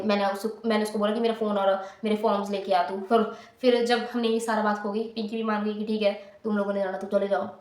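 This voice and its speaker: A young woman records a storytime vlog in an echoey room, at a middle pitch. She talks in a candid, heated way and often cuts off her sentences to start them again. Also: a little mellow. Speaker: vlogger.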